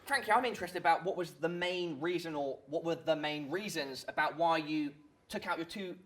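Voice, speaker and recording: A man's voice: a little high, fairly quick, a bit bright. A man co-hosting an esports news show, reading headlines and asking guests questions in a chatty, jokey way. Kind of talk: presenting news and interviewing.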